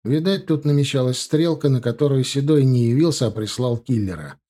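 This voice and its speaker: A man narrating a first-person crime audiobook in a steady, even way. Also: medium pitch, a little fast.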